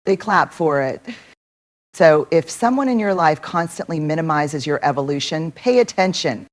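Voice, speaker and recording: A woman giving a motivational speech, measured and emphatic, building her points through repetition. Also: deep voice, expressive. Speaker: motivational speaker.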